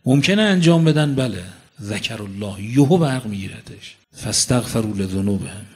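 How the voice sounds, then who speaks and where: A man's voice: medium pitch, big pitch swings, husky. Male preacher, medium voice, fervent sermon delivery, recites Arabic passages then explains, emphatic repetition. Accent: Iranian Persian. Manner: storytelling, quoting Arabic verses then explaining them; repeats phrases for emphasis, rising to fervent peaks. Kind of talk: religious sermon.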